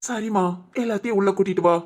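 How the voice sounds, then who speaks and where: A woman's voice: medium pitch, steady tone, fast talker, a little mellow, pitched below the performer's own voice, close to an everyday voice. Tender young cartoon husband, as a woman puts him on.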